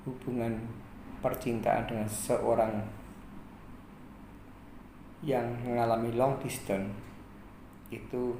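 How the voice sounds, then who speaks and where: Man in his 40s, unhurried life-story narrator, pausing often, echoey room with faint hum behind. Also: mid-range voice, mellow. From Indonesia. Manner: slow, measured, with frequent pauses. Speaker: channel host.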